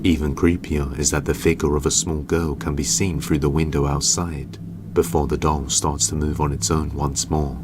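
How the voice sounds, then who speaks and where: A man with an extremely deep voice narrates scripted horror clips. He speaks slowly and flatly, with a measured, ominous delivery. Clear background noise runs under the whole narration track.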